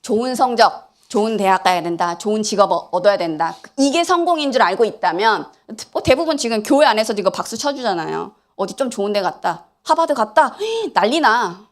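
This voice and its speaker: A woman giving an animated lecture at church, asking the audience questions and acting out what people say. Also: medium pitch, fairly quick. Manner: animated, asks the audience questions, acts out quotes. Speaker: church lay speaker. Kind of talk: lively church lecture to youth. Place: church hall.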